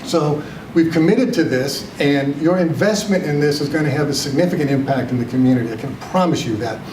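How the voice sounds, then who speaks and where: An older man gives a heartfelt thank-you at a ceremony, pausing on ums, his voice a little high. The mic is far off in an echoey room with noise around. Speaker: college vice president.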